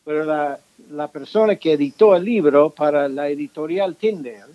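A man with a slightly higher voice speaks in an interview, stopping often on fillers and restarting his phrases. The sound is dull and lo-fi. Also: normal speed. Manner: hesitant, many fillers and restarts. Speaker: author and pastor guest. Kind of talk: interview conversation.

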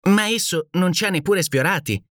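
A man voicing a cheerful, carefree male space traveler in an audiobook, talking in a lively, nonchalant way. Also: high voice, moderate pace, dry recording, clean studio sound, voice pushed up.

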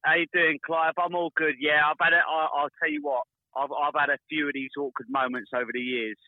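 Builder on a tinny phone line. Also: male voice, on the high side, a little fast, no echo. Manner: animated storyteller, acts out quotes, stumbles on words. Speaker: builder calling in to a radio show. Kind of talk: casual anecdote telling.

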